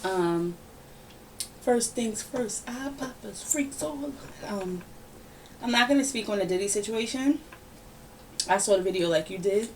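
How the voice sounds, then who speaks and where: Woman podcast host, casual opinion chat, animated and ranting, a bit far from the mic, faint background hiss. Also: medium pitch, measured pace, long pauses. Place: home room, relaxed podcast setting. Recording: somewhat distant mic with faint background noise.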